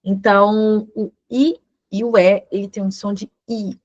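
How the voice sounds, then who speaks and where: A woman's voice: medium pitch, flat delivery, unhurried, no echo, highs cut off. A woman teaching an online lesson, explaining patiently and checking in with short questions. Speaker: law teacher giving a German course.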